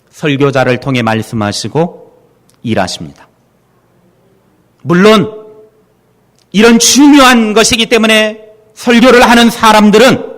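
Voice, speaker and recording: A man preaching a sermon as pastor, animated, leading the congregation in repeating phrases. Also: fairly high pitch.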